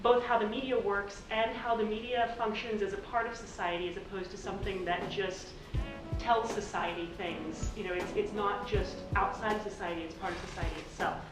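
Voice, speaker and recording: An American woman giving an informal, rushed lightning talk to get through her points in time. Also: mid-range voice, steady tone. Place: echoey presentation room. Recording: echoey hall, distant pickup, music flagged behind.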